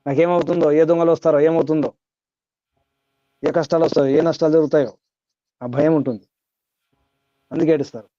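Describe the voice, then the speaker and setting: A man's voice: a little high, steady tone, fairly quick, pauses often, dark tone, no room sound, highs cut off. A man giving a spiritual discourse to a class, repeating points, chanting Sanskrit verses and quizzing his listeners. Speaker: spiritual teacher.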